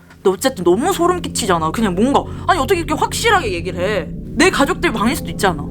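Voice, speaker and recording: A young woman casually telling creepy personal stories while doing her makeup, acting out the people in them. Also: mid-range voice. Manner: lively, mimics the people in her story. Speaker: storyteller.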